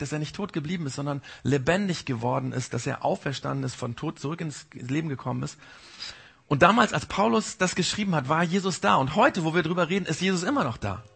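A man preaching a sermon, speaking directly and informally to the congregation and sometimes acting out a gentle inner voice that warns. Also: on the high side, expressive, fast talker, creaky, husky. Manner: mimics the Holy Spirit's gentle warning. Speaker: pastor.

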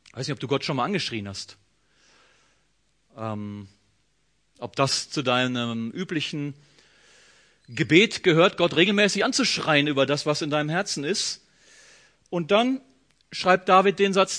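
A man preaching a sermon, speaking straight to the listener and acting out quoted prayers with feeling. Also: fairly high pitch. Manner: expressive, acts out quoted voices, direct address. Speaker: pastor.

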